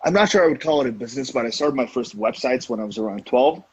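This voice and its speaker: A man's voice: medium pitch, lively intonation, quick pace, husky. A man in his twenties from Estonia, a marketing director, speaking thoughtfully as a podcast guest. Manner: thoughtful, hesitant with fillers and restarts. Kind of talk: casual interview. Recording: dull lo-fi audio.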